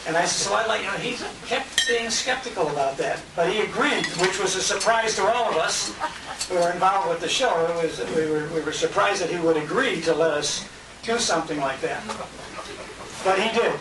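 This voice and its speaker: An American man with a high voice talks a little fast, picked up from afar by a handheld compact camera. He's the emcee of a tribute dinner and a radio show host, casually telling anecdotes full of quoted conversations. The restaurant banquet room sounds echoey and noisy.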